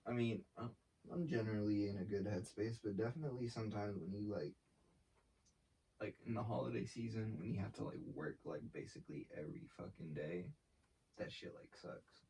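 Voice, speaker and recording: A man's voice: lowish voice, brisk, vocal fry, dark tone, a little hiss or hum. A young man, talking casually in an interview in a laid-back, slangy way. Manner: laid-back slangy talk, swearing, filler-heavy. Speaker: artist and brand founder. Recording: voice from a distance off the mic.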